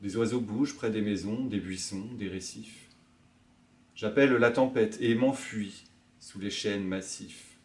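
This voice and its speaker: A male librarian reading a poem aloud in a quiet, hushed, measured way. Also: lowish voice. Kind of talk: poetry reading.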